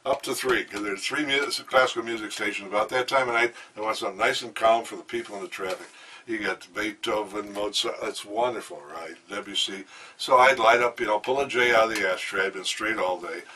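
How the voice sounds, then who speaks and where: A brisk older man with a lowish voice and sharp tone tells meandering, enthusiastic anecdotes full of fillers while being interviewed in a hotel room. The mic is distant, and faint background noise can be heard.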